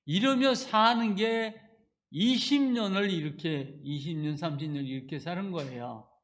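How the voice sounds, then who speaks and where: A male pastor delivers an earnest sermon built on personal testimony. His voice sits high for a man. He drifts between hushed, reflective passages and loud, pleading outbursts. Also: measured pace.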